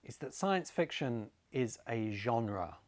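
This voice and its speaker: Speaking slowly but very animatedly in a mid-range voice, a man hosts a video essay, giving an informal, opinionated explanation to camera. He drifts between ideas and speaks straight to the viewer from his home set among rice fields in Bali.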